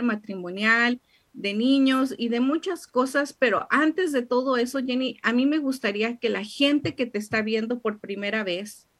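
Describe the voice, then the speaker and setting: A woman's voice: a little high, a bit bright. A woman hosting a podcast interview, giving effusive, heartfelt introductions to her guest. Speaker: podcast host.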